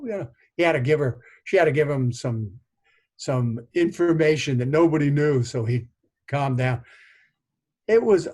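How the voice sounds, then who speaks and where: A man in his sixties, a guest on a video call, tells family stories in an animated way and acts out the voices of the people in them. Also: a little high, breathy edge. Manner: animated anecdotes with voiced quotes. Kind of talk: conversational storytelling.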